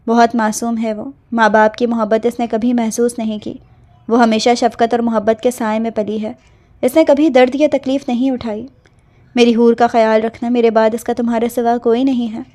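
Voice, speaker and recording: A woman reading as a gentle older aunt. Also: on the high side, flat delivery, lightly acted. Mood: tender. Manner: tender, slow advising.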